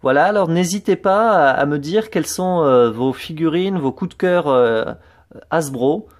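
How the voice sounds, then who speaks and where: A man's voice: on the high side, normal speed. A man giving a casual show-and-tell tour of his collection, hesitant, with many fillers and restarts.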